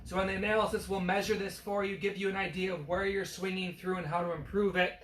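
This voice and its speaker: A man's voice: sits high, flat delivery, quick pace, fairly bright tone. A man in his thirties, a physical therapist who is losing his voice, explaining running form in a casual talk with many fillers while standing on a treadmill. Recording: echoey room with faint background noise.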